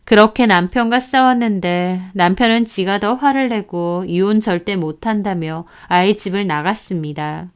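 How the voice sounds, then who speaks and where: A woman's voice: medium pitch, moderate pace, few pauses, smooth. Woman narrating a story in a resonant voice. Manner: aggrieved, recounting. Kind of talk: first-person story narration.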